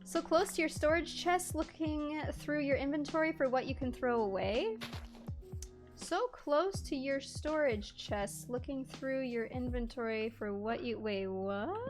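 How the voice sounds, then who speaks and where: A woman's voice: sits high, a little slow, music in the background. A Canadian-born woman streaming a game, chatting casually and reading chat aloud, laughing often.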